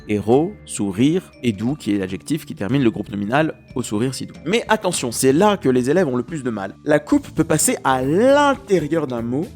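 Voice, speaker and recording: A man giving an exam-prep lesson on verse rhythm, lively and scanning lines aloud while counting the beats. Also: medium pitch. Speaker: French literature teacher.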